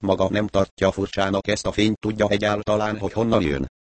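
An anxious, fussy female doctor in an audiobook, read by a man in his own low voice. She talks in worried bursts of questions, in a deep, dry tone with no room sound around it. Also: little pitch movement, no echo, natural voice. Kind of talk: audiobook reading.

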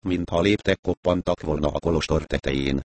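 A male narrator reads a first-person adventure story with a wry, storytelling touch. His voice is deep, and the recording is dry and close with no room sound. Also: darkish tone, no echo. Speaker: audiobook narrator.

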